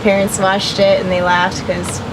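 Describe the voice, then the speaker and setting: A woman's voice: medium pitch, completely flat delivery, unhurried, background noise. A young woman chatting in a casual interview about her acting work, talking freely with many fillers and frequent laughs. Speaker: actress interviewee.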